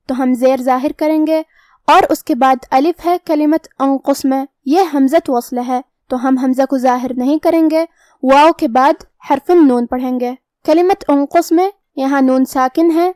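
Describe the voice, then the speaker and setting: A woman teaching Quran recitation rules, explaining each letter step by step and reciting verses slowly. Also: sits high, darkish tone, no room sound, studio quality. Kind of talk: tajweed lesson, slow explanatory teaching.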